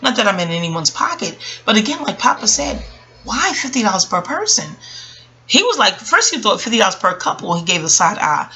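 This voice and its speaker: A vlogger from Queens, New York tells viewers a story in a casual, conversational way, slipping into reported dialogue. Her voice is medium-pitched, very animated, a little fast, and pushed and bright.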